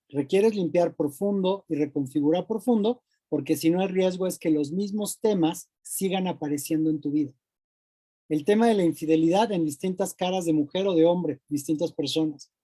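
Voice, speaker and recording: A Mexican man giving a lively, colloquial motivational talk, acting out voices of the mind and a friend. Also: high-pitched. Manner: animated, colloquial, acts out inner voices. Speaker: speaker.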